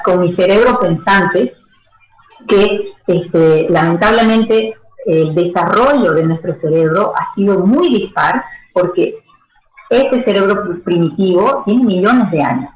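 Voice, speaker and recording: A woman's voice: medium pitch, animated, slow pace, echoey room, poor audio. A woman giving expert advice as a radio interview guest, explaining with everyday analogies. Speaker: stress management educator.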